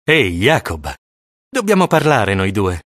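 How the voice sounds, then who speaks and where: A reader voicing an affable vampire father who coaxes his son, spoken low and persuasive. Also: big pitch swings, unhurried, a bit bright, dry recording, studio quality. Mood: coaxing. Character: vampire father, friendly and coaxing.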